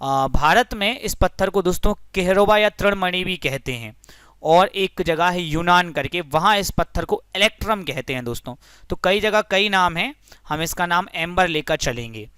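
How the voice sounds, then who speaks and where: A man's voice: high voice, expressive, normal speed, pushed and bright, clean tone, no echo, clean studio sound. A young man teaching a physics lesson through a story, friendly and explanatory, often addressing the listeners as friends.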